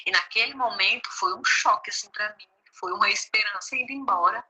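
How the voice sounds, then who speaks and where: A woman from Brazil recounts her testimony as a gospel singer and preacher in an interview. Her voice is very bright and ringing, and her telling is lively, acting out what others said to her. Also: mid-range voice, a little fast, poor audio. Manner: lively storytelling, quotes others, laughs easily.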